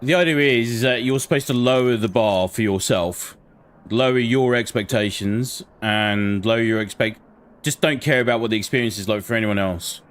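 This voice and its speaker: A male livestreamer playing a shooter chats casually with a medium-pitched voice at a moderate pace. When frustrated, he swears bluntly.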